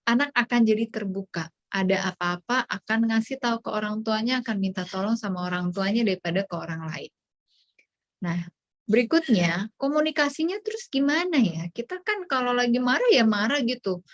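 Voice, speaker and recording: Higher-pitched woman psychologist chatting through a parenting workshop, acts out parent lines. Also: lively intonation, a little fast. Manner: explains with acted-out parent quotes, chatty. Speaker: child psychologist speaker. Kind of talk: online parenting workshop talk.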